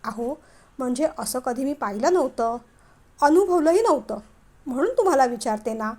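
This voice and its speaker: Brief: woman playing a nosy storybook wife, eager questions, high voice. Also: expressive, normal speed, a little mellow. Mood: curious. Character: curious chatty young wife.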